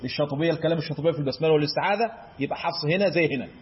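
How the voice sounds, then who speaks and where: High, husky Egyptian teacher. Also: male voice, lo-fi sound. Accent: Egyptian Arabic. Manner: quizzes listeners with questions and answers them himself; chants verse examples in a drawn-out recitation tone. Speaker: Quran recitation teacher. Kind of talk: explanatory lesson.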